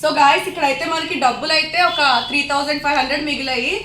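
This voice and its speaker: High-voiced fast-talking woman vlogger. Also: steady tone. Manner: teasing, chatty, counts out loud. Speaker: vlog host. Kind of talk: playful family game vlog. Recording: echoey room with faint noise.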